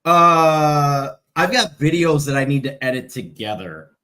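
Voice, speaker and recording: A man's voice: on the high side, animated, unhurried, sharp tone. A man with an Illinois accent, rambling through casual late-night podcast chat as a co-host, often restarting his sentences. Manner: rambling, repeats words when starting.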